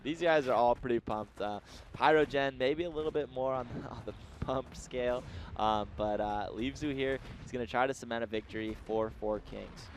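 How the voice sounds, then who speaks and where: A man doing live esports commentary as a casual, excitable caster. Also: medium pitch, normal speed, a little hiss or hum.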